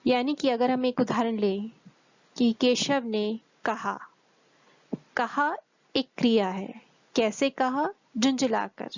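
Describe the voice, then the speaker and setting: A woman teacher explaining a grammar lesson to children, slowly and clearly, asking them questions as she goes. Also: fairly high pitch, darkish tone, no room sound. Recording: dull, dry lo-fi recording.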